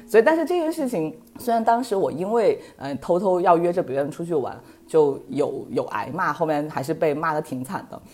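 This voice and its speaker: Low-voiced woman telling a lively story. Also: brisk, few pauses. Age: 30s. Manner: lively, laughing often while telling a story. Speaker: podcast guest. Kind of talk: casual storytelling chat.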